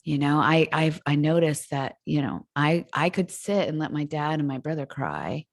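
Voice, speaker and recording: A woman's voice: deep voice, animated, normal speed, dry recording, studio quality. A woman guest on a podcast, speaking candidly and reflectively in casual conversation, laughing easily.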